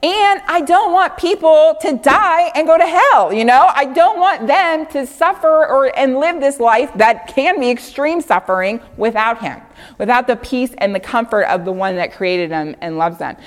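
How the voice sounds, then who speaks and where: A woman giving an informal Bible teaching, chatty and earnest, laughing often and swinging between animated and hushed. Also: high voice, moderate pace, long reverb tail.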